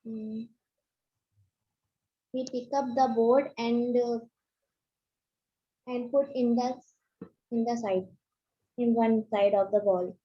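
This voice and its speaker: A hesitant woman speaks slowly and breathily with a rather high, flat voice. Her volume keeps dropping in and out over a dull, lo-fi online call. She halts often with fillers and broken grammar. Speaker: student. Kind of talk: halting spoken retelling in an online class. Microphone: online call, computer mic.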